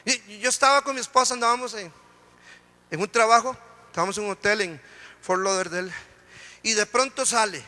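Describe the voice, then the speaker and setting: Man, pastor, sermon, very high voice, piercing bright tone, long hall echo. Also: brisk, long pauses. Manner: impassioned preaching, repeated "hermano" address.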